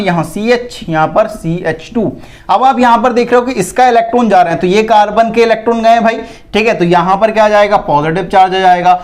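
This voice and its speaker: Guy with a high voice doing an online chem class, keeps asking then answering himself. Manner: repetitive, asks and answers own questions; calls listeners "bhai". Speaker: chemistry teacher. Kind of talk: online exam-prep lecture.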